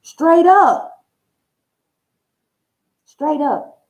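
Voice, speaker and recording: Speaking very slowly in a high-pitched, animated, slightly mellow voice, an American tarot channel host chats casually with viewers. The lo-fi recording carries her candid, slang-heavy storytelling, complete with acted-out dialogue and emphatic, salty language.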